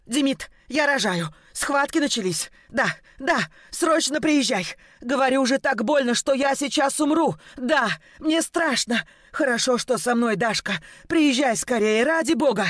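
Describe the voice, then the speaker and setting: A woman reading an audiobook, voicing a young pregnant woman in labor who pleads and shouts frantically in pain. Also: a little high, moderate pace, no room sound, clean studio sound, voice pushed up, lightly acted. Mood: panicked.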